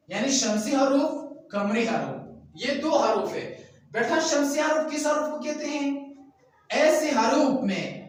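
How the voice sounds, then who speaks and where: A man teaching a grammar class, drilling his students with repeated questions and calling them "beta". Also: very high voice. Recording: very echoey room, voice from far off.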